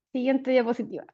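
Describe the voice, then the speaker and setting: A woman speech therapist giving an online lecture, explaining things clearly and steadily. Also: high voice, muffled recording. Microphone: video call.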